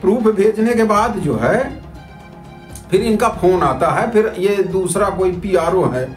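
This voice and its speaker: At a measured pace, an animated man with a high voice delivers a citizen journalist's video report. He addresses viewers in an informal, argumentative way, going over the same points and posing rhetorical questions, with echo in the room and music underneath.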